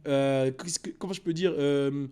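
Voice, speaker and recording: A man host telling a personal story in a casual, animated, slangy way, with many restarts and repeats. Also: medium pitch, a little slow, smooth.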